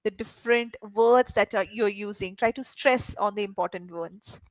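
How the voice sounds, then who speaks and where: A woman's voice: mid-range voice, normal speed, no echo, rough recording. Encouraging woman English tutor, dry close sound. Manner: encouraging, explains with frequent "right?" checks. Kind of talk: one-on-one spoken English coaching.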